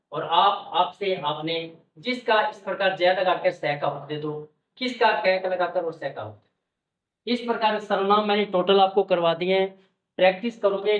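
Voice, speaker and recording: A man's voice: sits high, far from the mic. A man teaching shorthand at an easy pace, patiently walking through each sign and checking in with the viewer again and again. He sits back from the mic in an echoey room, and the sound comes through dull and muffled. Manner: patient, repeats "okay" and "look carefully" often. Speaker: stenography teacher. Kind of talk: classroom-style explanation.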